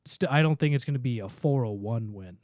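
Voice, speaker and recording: A man co-hosting a podcast, reading off a list of states in a steady run, then talking through his reasoning in casual chat. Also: medium pitch, brisk, no room sound, studio quality. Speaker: podcast co-host.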